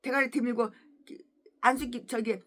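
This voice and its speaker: A woman pastor preaching a sermon in a fiery, scolding way, full of crude insults, moving between quiet asides and shouts. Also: a little high, steady tone, moderate pace. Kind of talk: expository sermon.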